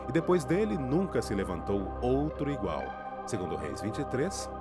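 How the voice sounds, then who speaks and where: A man's voice: mid-range voice, very animated, normal speed, over loud music. A man solemnly reading a scripture passage and the week's theme as a scripted announcement. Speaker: program announcer.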